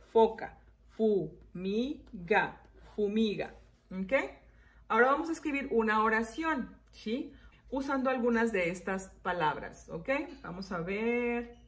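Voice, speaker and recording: A woman teacher giving a children's spelling lesson. She repeats each word and its syllables and keeps checking in with "ok?". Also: a little high.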